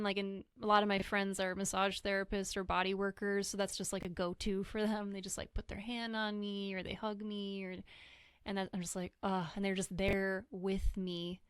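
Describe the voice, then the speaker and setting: A woman's voice: medium pitch, clean tone, dry recording, studio quality. A woman talking candidly and reflectively in a podcast conversation, sometimes acting out what other people said to her. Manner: earnest, reflective, acts out quoted voices. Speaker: guest sharing grief experience.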